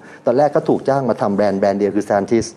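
A man's voice: lowish voice, quick pace, a little hiss or hum. A man on a radio talk show, a guest brand owner who tells his brand stories animatedly and mixes in English terms. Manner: animated storytelling, mixing English terms, laughs.

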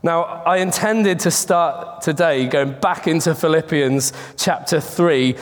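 A man's voice: on the high side, slow. A man preaching an informal sermon in an earnest, conversational way, speaking to a congregation from a microphone at the front. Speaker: preacher addressing his church. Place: large echoing room at a church gathering. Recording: reverberant hall, live church recording.

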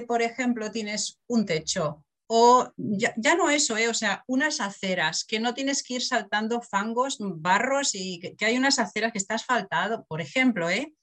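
A middle-aged woman from Barcelona, an author telling stories in a casual interview and laughing often. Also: on the high side. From Barcelona, Spain. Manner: animated storyteller, acts out quotes, laughs often.

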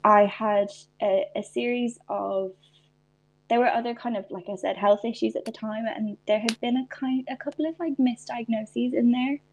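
A woman's voice: on the high side, steady tone, normal speed, slight background noise, poor audio. A young Irish woman, a podcast guest, talking reflectively in a casual interview with frequent restarts. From Ireland.

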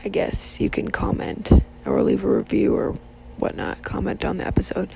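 A woman hosting a casual faith podcast, sleepy and yawning, talking softly in a half-whisper and rambling with restarts. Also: mid-range voice, normal speed, creaky, a little hiss or hum, low-quality recording. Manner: soft, half-whispered talk while her child sleeps; rambling, with many restarts and fillers. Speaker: podcast host.

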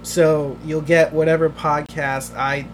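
A man hosting a podcast in casual chat, emotional and halting, often restarting his words. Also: fairly high pitch, flat delivery, a little hiss or hum. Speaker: podcast host.

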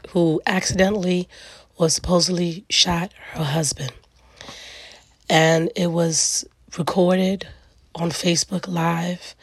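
A middle-aged woman with a raspy, gravelly voice hosts a solo reflective talk, speaking earnestly and emphatically in weighty repeated phrases. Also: lowish voice, dry recording. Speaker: podcast host.

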